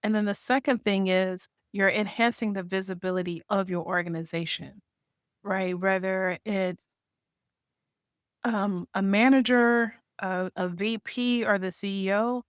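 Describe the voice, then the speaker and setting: Guesting on a conversational podcast interview, a marketing association founder speaks in a clean, mid-range voice with fairly even intonation and a slightly slow pace. She lays out her points step by step, often asking "right?", in a dry, clean studio recording.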